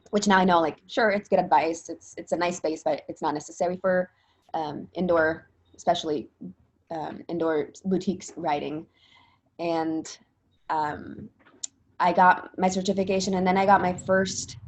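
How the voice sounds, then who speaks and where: With a fairly low-pitched, darkish voice, this young woman from Italy is being interviewed about her work as a spin instructor. She's chatty and rambling, constantly using fillers and starting sentences over.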